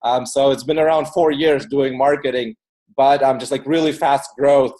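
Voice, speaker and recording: On a rough recording, a male interview guest with a warm mid-range voice and fairly even intonation speaks at normal speed. Born in Ukraine and raised in the US from age eight, he tells stories casually and informally, leaning heavily on fillers and "like."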